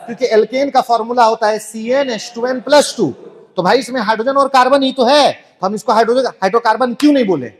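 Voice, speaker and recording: A man's voice: extremely high pitch, quick pace. A man teaching chemistry in an online class, playful and joking, firing rhetorical questions at students.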